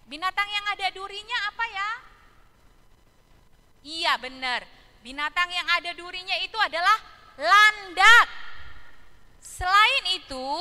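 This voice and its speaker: A woman teaching Sunday school, telling a story to small children in an animated way and asking them questions. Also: extremely high pitch, in a large hall.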